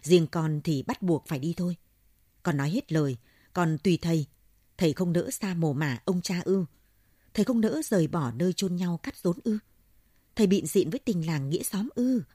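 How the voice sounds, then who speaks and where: A young soldier son speaks with urgent insistence, louder and pressing, in a storybook reading by a woman narrator. A husky grain stays in the voice. The sound is dry and close. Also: fairly low pitch, animated, moderate pace, no echo. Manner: insistent, forceful.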